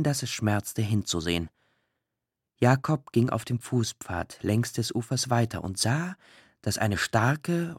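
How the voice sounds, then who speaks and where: Expressive, husky male audiobook narrator. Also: medium pitch, dry recording, studio quality. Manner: expressive, emotional reading with drawn-out pauses. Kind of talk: scripted literary narration.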